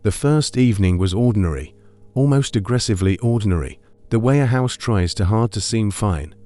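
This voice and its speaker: A man with a low voice narrating a scripted scary story in a measured, somber way. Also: animated, warm tone.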